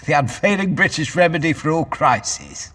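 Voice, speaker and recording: An actor playing a genial, erudite adventuring scientist from another world in an audio drama, with a gentlemanly British voice and wry, old-fashioned phrasing. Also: male voice, fairly high pitch, sing-song, normal speed, exaggerated voice. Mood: wry, relieved. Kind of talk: audio drama acting, homage to 1970s science fiction serial.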